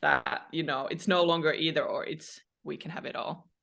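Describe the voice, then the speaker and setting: Gravelly-voiced female dating coach. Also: low-pitched, fairly even intonation, moderate pace, fairly bright tone. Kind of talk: conversational interview advice.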